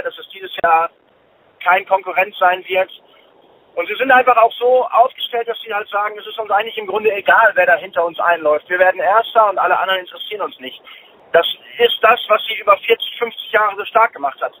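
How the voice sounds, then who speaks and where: High, bright-voiced male football expert. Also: slight background noise, rough recording. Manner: confident, explanatory. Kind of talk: interview answers.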